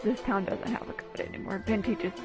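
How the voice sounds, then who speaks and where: Over game music, a woman commentates on her video game playthrough in a casual, playful, reactive way. Her medium-pitched voice stays fairly even and runs a little fast.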